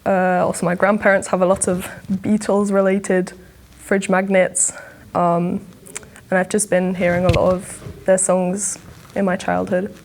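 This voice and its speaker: A seventeen-year-old woman talking casually, relaxed with frequent pauses. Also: mid-range voice. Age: young adult. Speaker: interviewee. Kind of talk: casual chat.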